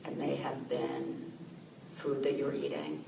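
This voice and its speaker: A woman with a low, gravelly voice leads a gentle guided meditation, unhurried and soothing. She sounds a little far from the mic in an echoey room, with clear ambient noise behind her. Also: lively intonation. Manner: gentle, slow, soothing guidance with soft fillers. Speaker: meditation teacher.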